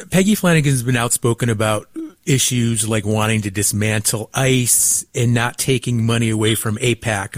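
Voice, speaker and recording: A man's voice: mid-range voice, no echo. An American man hosting a radio call-in show in a scripted, orderly style. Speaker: radio talk show host. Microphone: close studio microphone.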